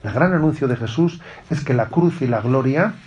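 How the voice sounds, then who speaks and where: A man's voice: medium pitch, lively intonation, normal speed, a little mellow, muffled recording. Conversational male preacher. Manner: conversational preaching, peppers sentences with tag questions. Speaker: bishop giving a retreat talk. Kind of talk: spiritual retreat talk to young people.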